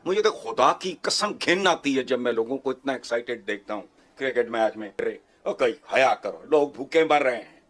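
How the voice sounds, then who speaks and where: A man's voice: medium pitch, animated, moderate pace, fairly bright tone. A man, scornfully making his case on a TV panel and repeating words for effect. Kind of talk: heated TV panel commentary.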